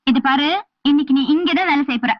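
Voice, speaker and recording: A woman's voice: high-pitched, fast, no echo, close to an everyday voice. An actress playing a haughty village woman who orders a farmhand around indignantly. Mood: bossy. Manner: commanding, indignant. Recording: dull film soundtrack, loud music.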